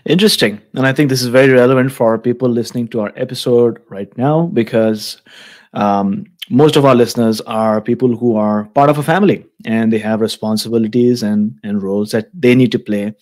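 A man in his thirties hosts a podcast interview, wearing headphones and speaking into a studio microphone in a small room. He talks in a thoughtful, measured way and affirms his guest often. His pitch is typical for a man. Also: darkish tone. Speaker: podcast host. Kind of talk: casual interview. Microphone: studio mic with headphones.

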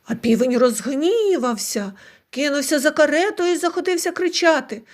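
High, lively woman reading a fairy tale. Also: moderate pace. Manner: expressive, animated reading. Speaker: storyteller. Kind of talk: scripted fairy tale narration.

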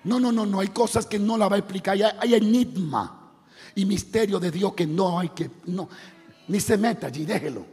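A male pastor preaching a sermon with impassioned, conversational delivery and shouted exclamations. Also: high voice, expressive, normal speed. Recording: long reverb of a large hall.

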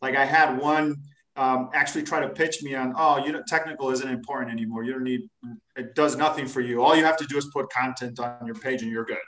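A man's voice: medium pitch, steady tone, quick pace, bright, forceful tone. A man in his thirties, a guest on a casual video-call interview, talking keenly and slangily from a room at home. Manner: enthusiastic, slangy, says dude and man. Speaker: podcast guest. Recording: echoey room, distant mic.

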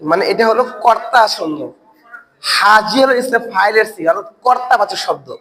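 A man's voice: high voice, a little fast, bright, forceful tone, low-quality recording. A man teaching an online Quran recitation class. He asks the learners questions, answers them himself and repeats words over and over to drill the pronunciation.

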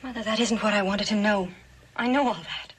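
A woman's voice: mid-range voice, a little fast, fairly bright tone, slightly rough. An actress playing an earnest young woman in a TV western, pleading with her mother. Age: young adult. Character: timid young daughter, pleading and doubtful. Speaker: daughter. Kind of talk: 1960s TV western acting.

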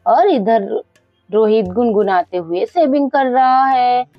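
A woman's voice: fairly high pitch, animated, slow, no echo. A woman narrating a doll story in a repetitive, step-by-step way. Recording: dull recording with faint music.

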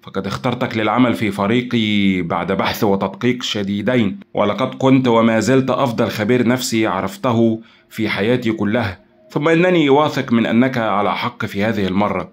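A man's voice: medium pitch, quick pace, natural voice. A man playing a decisive male team leader in an audio drama, speaking firmly and with authority. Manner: firm, decisive, mocking toward the villain.

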